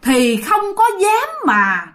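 A woman's voice: high voice, very animated, slow, fairly bright tone. A woman with a Southern Vietnamese accent telling a ghost story casually, addressing listeners directly.

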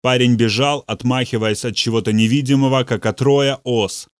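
Brief: measured male narrator, dry studio read. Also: medium pitch, clear, resonant tone, no room sound. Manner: measured, steady storytelling. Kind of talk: audiobook reading.

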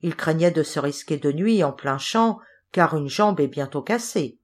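Woman reading a fairy tale audiobook, lowish voice, very lively melody, steady and clear. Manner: expressive, measured. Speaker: audiobook reader. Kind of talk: storybook narration.

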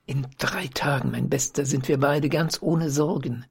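Reader doing a scheming young woman, deceitful, hushed half-whisper, husky, slow. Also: mid-range voice, steady tone, heavily acted. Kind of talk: audiobook reading of old literary prose.

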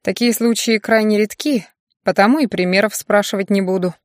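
A woman voicing a dignified, weary male magister who lectures his students in a measured way. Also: medium pitch, fairly even intonation, no echo, clean studio sound, lightly acted.

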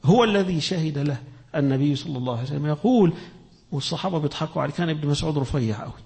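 A male preacher with an Egyptian accent, talking quickly in a slightly high, gravelly voice. He moves between classical Arabic and everyday colloquial speech and voices the people in his stories. A fast, lively sermon delivery. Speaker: Islamic preacher.

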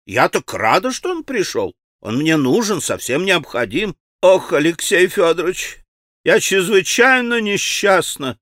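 A man doing a fussy society lady who gushes and frets, her lines drawn out and pitched well above his own reading voice. She is melodramatic and highly strung, read close and dry for a storybook. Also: sing-song, unhurried, a bit bright, dry recording, heavily acted. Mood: fretful. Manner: fretful, gushing, melodramatic. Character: excitable fussy middle-aged society lady.

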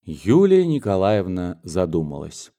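A man narrating an audiobook of a classic novel in an expressive, measured way. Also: low voice. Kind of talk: scripted narration.

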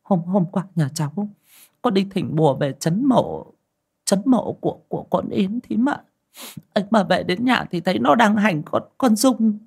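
A man's voice: high voice, lively intonation, moderate pace, vocal fry, a little mellow, husky, pitched above the performer's own voice, heavily acted. A man voicing a frightened middle-aged village woman who stammers and pleads. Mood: anxious. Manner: trembling, stammering.

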